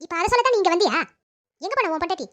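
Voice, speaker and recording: Someone voicing a super high squeaky mother-in-law in a cartoon, nags and scolds nonstop, talks fast. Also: expressive. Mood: scolding. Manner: nagging, sharp-tongued. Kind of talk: cartoon family drama dubbing.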